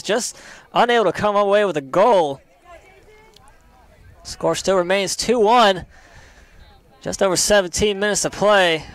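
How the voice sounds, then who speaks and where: A young man calling a live college soccer match play by play, steady between plays and rising sharply on chances. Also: sits high. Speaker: play-by-play commentator.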